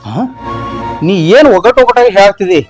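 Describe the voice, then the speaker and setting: A man's voice: high voice, big pitch swings, moderate pace, soft background music. An actor with a North Karnataka Kannada accent, playing a blunt young husband who questions his wife brusquely. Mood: concerned questioning. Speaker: actor in a village comedy film.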